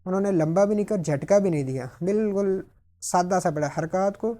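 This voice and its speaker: Mellow-voiced man teaching Tajweed rules. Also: high-pitched. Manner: patient step-by-step explanation, slowly modelling words. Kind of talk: explaining recitation rules.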